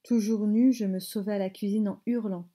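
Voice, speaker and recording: A woman teacher reading a novel aloud in measured phrases, stopping to explain words. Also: medium pitch, fairly even intonation, mellow. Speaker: French teacher.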